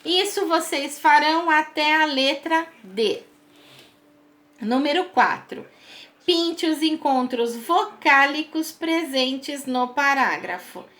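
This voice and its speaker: A woman teacher talks children through their homework exercises, taking her time and using soft diminutives. Her voice sits high and sounds bright and clear. She speaks slowly and patiently. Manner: patient and slow, with many diminutives.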